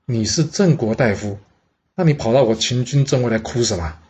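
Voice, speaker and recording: A man doing a stern proud king, husky. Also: mid-range voice, animated, warm tone. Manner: brisk, demanding. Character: proud male ruler, stern and suspicious. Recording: dull lo-fi audio.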